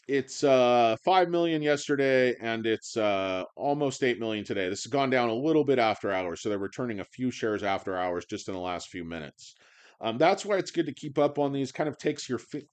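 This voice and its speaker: A man in his forties hosting a stock livestream, ranting in a profane, sarcastic, rambling way with many fillers. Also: medium pitch. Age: 40s. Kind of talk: profane casual livestream rant.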